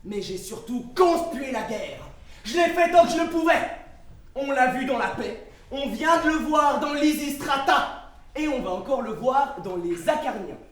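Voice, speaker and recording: A man's voice: very high-pitched, expressive, unhurried, a bit bright, heavily acted. A man playing a playwright who narrates theatrically to the audience in a stage comedy. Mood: emphatic, presenting. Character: ancient comic playwright presenting his own antiwar plays. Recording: echoey hall from far off.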